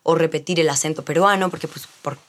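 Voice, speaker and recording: A woman chats as an interviewed actress. Her voice sits a little low and she laughs easily, talking in a loose, animated way. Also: fast talker. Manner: animated, laughs often, slips into playful accents. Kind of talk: casual interview chat.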